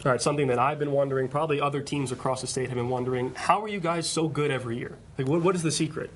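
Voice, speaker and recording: A man's voice: mid-range voice, very fast, slight background noise. A man hosting an awards show live in a studio, presenting and interviewing in a congratulatory manner. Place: studio set with people present.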